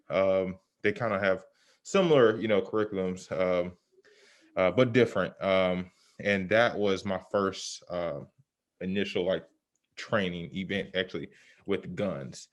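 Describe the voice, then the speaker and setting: Very deep male voice, muffled behind a mask. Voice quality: muffled, talking through a mask. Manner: halting, pausing often with "you know". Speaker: interview guest, self-defense shooting survivor. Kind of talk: personal account in a conversational interview.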